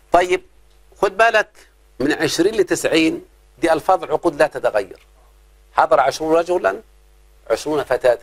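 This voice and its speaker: A man with an Egyptian accent teaching an Arabic grammar lesson to a class, often stopping to quiz his students and stretching out his example phrases. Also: on the high side. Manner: questioning, drawn-out examples.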